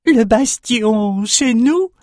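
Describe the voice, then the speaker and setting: A man voicing a scrawny, crazed albino shaman who speaks in slow, broken phrases. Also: extremely high pitch, expressive, a little mellow, dry recording, studio quality, pitched above the performer's own voice, exaggerated voice. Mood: excited. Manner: broken speech, slow and sing-song.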